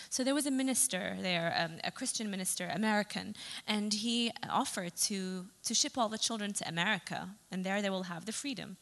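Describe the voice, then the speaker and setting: A woman's voice: medium pitch, a bit bright. A young adult woman, a photographer from Saudi Arabia, giving a chatty presentation talk with fillers and self-corrections. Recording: long reverb of a hall.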